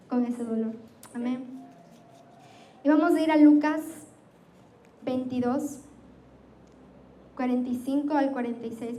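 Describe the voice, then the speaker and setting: Una mujer joven que predica un sermón con tono sincero y se dirige a menudo a los oyentes preguntando "¿sí?". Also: female voice, high voice, warm tone, rough recording. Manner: earnest, addresses listeners directly with frequent "¿sí?". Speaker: preacher. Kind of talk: sermon to a youth church.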